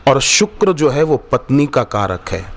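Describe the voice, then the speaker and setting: A man's voice: medium pitch, very animated, a little slow. Man giving a devotional sermon. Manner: storytelling, quotes Sanskrit verses, acts out dialogue. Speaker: spiritual teacher. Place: ashram satsang gathering.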